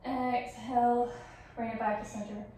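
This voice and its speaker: A woman's voice: fairly high pitch, level tone, a little slow, mellow. A young woman teaching a vinyasa yoga class, encouraging and a little out of breath. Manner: encouraging cues, light laughs. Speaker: yoga instructor. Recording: echoey room, far from mic, faint noise.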